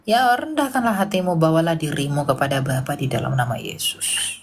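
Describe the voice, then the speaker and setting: A woman's voice: low-pitched, big pitch swings, fairly quick, slight background noise. A woman preacher teaching casually and emphatically, asking rhetorical questions and sometimes dropping to a whisper. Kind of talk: informal Q&A sermon.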